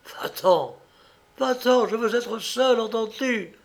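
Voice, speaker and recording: A frantic young wife from a dark fairy tale, as a male reader puts her on. Her voice climbs high and trembles with anguish and accusation. She speaks slowly, each plea stretched out. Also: steady tone. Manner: pleading, then frantic and accusing.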